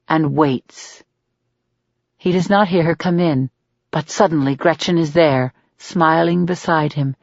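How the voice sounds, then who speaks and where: A woman narrating a dark thriller audiobook in a measured, steady, deliberate reading, recorded with slightly dull audio. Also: lowish voice, dry recording.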